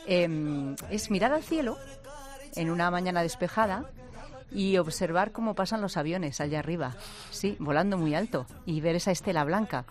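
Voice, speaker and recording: A woman's voice: fairly low pitch, animated, moderate pace. A woman hosting a radio interview who talks in a chatty, musing way and addresses the listener directly. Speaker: radio host. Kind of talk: radio interview with a reflective spoken intro.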